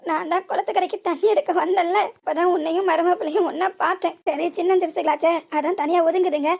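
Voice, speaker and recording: A woman playing a cartoon mother, furious village mom, shrill berating tone, rapid-fire delivery. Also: steady tone, vocal fry, darkish tone. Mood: accusing. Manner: shrill, berating, lamenting scolding. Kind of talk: cartoon serial voice acting.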